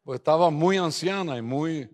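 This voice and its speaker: A man preaching a sermon, telling stories and building up to loud exhortation, with English phrases mixed into his Spanish. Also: moderate pace. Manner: storytelling, swings from low asides to loud rising exhortation.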